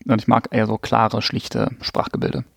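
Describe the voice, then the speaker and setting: A man's voice: lowish voice, level tone, gravelly, dry recording, clean studio sound. A man, a poet, talking about his work in a podcast interview, thoughtful and loose with fillers. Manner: fast, thoughtful, lots of fillers. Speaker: poet guest. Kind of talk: casual interview.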